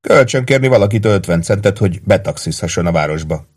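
A man's voice: sits low, lively intonation, husky. A man reading an audiobook, voicing a sulky young male soldier who grumbles defensively. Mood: grumbling.

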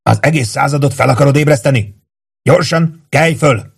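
A brusque army corporal who snaps out wake-up orders in a hushed, mechanical voice, as a male audiobook reader puts him on. His pitch rises above the reader's own. It is a plain audiobook reading. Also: creaky, husky. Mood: urgent.

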